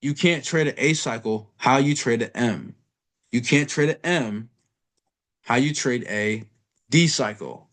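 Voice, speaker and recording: A man's voice: medium pitch, unhurried, fairly bright tone. A man giving a casual trading lesson over a chart, blunt and profane, talking to the viewer in street slang. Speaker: trading educator.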